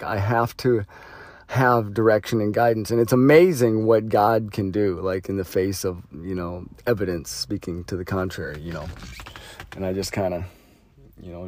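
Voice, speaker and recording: A man hosting his own podcast, talking through his thoughts in a rambling, earnest way, with many fillers and sentences that trail off quietly. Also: lowish voice, no room sound. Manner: earnest, thinks aloud about faith. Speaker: podcast host. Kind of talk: reflective solo monologue.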